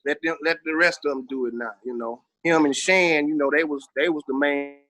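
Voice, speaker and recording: This middle-aged Southern American man, a veteran rapper guesting on an interview, looks back casually in a streetwise, slangy, emphatic style laced with curses. His slightly high, slightly bright voice moves a little fast with fairly even intonation, captured in a dry recording.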